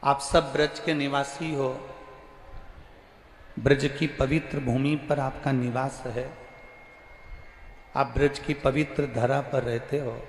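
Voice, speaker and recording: A man preaching a devotional sermon, slowly repeating his lines for emphasis, with a verse chanted now and then. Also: medium pitch, little pitch movement, slight background noise. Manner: slow, repetitive, emphatic preaching. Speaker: preacher of religious discourse. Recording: echoey hall with faint music.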